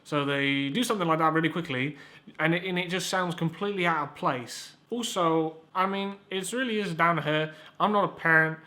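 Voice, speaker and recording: Bright, forceful, and a little fast, this high-leaning male voice belongs to a young YouTube reviewer hosting a comedic review. He rambles sarcastically, trips into restarts, and curses casually.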